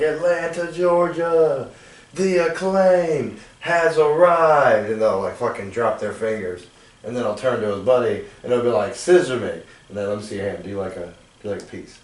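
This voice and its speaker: A man hosting a casual podcast, telling stories with loud acted-out quotes and casual swearing. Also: on the low side. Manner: animated storyteller, acts out quotes loudly, swears casually. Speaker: podcast host. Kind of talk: casual chat, storytelling. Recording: echoey room, far from mic.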